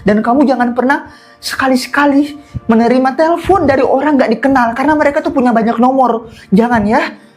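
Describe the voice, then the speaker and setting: A man's voice: extremely high pitch, brisk, pitched above the performer's own voice. A man voicing a distressed woman, a protective ex-wife who pleads and insists. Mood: urgent.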